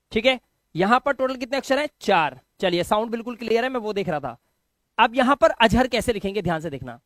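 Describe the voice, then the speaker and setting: A man teaching an online lesson, explaining step by step, repeating words slowly and checking that students follow. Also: very high-pitched, a bit bright, dry recording. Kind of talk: online lesson explaining Hindi to English spelling.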